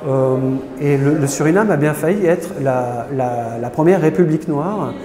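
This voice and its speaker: His voice on the high side and his pace moderate, a man hesitantly describes history at an indoor exhibition, often using fillers and restarting. The recording captures an echoey hall with a crowd behind.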